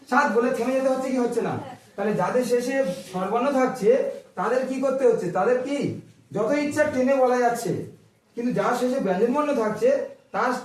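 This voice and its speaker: A male teacher takes a grammar lesson and keeps firing questions at his pupils, stretching out syllables to make his point. His voice sits high for a man and is heard from some distance across the room. The classroom echoes loudly around him. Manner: asks the class frequent questions and stretches sounds to demonstrate.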